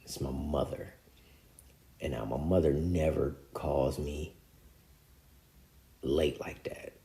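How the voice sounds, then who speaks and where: A man's voice: extremely low pitch, steady tone, slow, creaky, dark tone. A man telling a painful personal story in casual slang, his voice sinking to near-whispers at the hardest moments. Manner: emotional, drops to near-whispers in heavy moments; casual street slang, repeats filler phrases.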